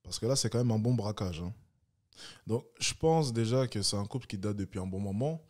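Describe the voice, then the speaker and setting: A man's voice: on the low side, lively intonation, fast, a little mellow. A French man hosting a reaction video, making mocking, sarcastic comments in casual commentary.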